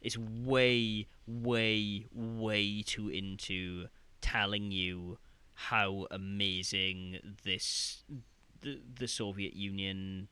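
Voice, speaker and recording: Bright, animated young man chatting. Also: fairly low pitch, very slow, clean tone, no room sound. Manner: rambling, animated, quotes game lines in mock voices. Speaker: podcast co-host. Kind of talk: casual podcast chat.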